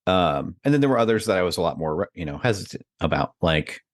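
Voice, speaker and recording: A man's voice: low voice, animated, quick pace, no room sound, studio quality. A middle-aged man co-hosting a podcast, chatting casually and telling a personal story with lots of fillers and laughs. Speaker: podcast co-host. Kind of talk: casual conversation.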